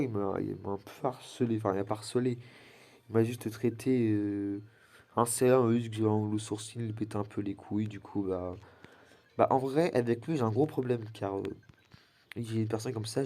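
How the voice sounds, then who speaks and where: A man's voice: lowish voice, very noisy. Rambling teen boy with a cracking voice. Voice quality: slightly cracking, wavering voice. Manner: rambling, chatty, lots of fillers and restarts. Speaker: gaming channel host. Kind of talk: casual gameplay commentary.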